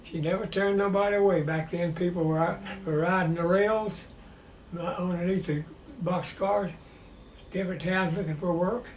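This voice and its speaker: Male, 90s, Southern US. Old veteran reminiscing, plain and halting, higher-pitched, in an echoey room. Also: fairly even intonation. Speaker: war veteran being interviewed. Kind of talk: personal reminiscence in an interview. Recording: roomy echo with faint background noise.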